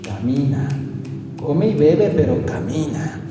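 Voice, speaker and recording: A preacher with an Ecuadorian accent gives an emphatic sermon, swinging between loud outbursts and hushed asides. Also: male voice, fairly high pitch, lively intonation, slow, over music. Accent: Ecuadorian Spanish. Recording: echoey hall with long reverb and faint noise.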